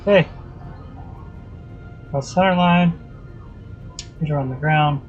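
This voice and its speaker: Give me a man in a sim cockpit speaking pilot radio calls into his headset. His delivery is unhurried and his pitch sits on the high side. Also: dull audio, soft background music. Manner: reads back tower calls and checklist items like a pilot. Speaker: flight sim streamer playing a pilot. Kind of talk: casual game commentary with pilot radio calls.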